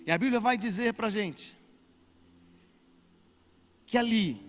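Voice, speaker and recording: A man preaching as a pastor at a church service, swelling loudly for emphasis and drawing out words. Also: sits high, slow, long reverb tail, faint music behind. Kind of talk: sermon.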